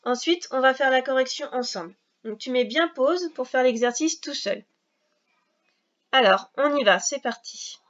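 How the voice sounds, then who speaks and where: A woman teaching a recorded reading lesson for young children, explaining slowly, patiently and step by step. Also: sits high, a bit bright, muffled recording.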